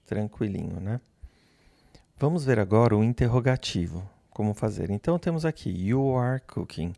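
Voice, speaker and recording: A man teaching English grammar, speaking slowly and patiently, repeating example phrases and pausing so learners can answer. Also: fairly low pitch, warm tone, no room sound. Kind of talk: slow, patient classroom explanation.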